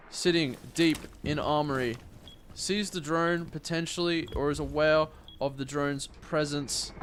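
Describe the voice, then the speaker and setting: A man calls play-by-play for an esports shooter match, shifting like a caster between tense build-up and excited calls. His voice is on the high side, with background noise present.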